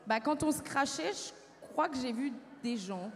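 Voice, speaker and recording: A woman's voice: high-pitched, expressive, moderate pace. Woman playing a sarcastic, gloomy survivor. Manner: sarcastic, pessimistic remarks. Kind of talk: live stage sketch. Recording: reverberant hall.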